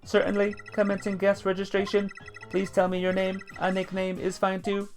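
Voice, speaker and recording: A woman voicing a cheerful female guide robot in a bright, singsong announcer manner, with a put-on robot voice. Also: medium pitch, completely flat delivery, moderate pace, soft background music, voice pushed up. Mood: chirpy. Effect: robot voice, put on by the reader. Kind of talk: fan voice acting of a game.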